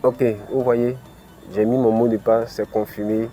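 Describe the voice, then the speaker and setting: In a dark, mid-range voice with little pitch movement, the man speaks a bit slowly as he leads viewers through his screen-recorded crypto tutorial step by step. His African French accent comes through, along with many "ok" and "voilà" fillers, over a slight hiss or hum.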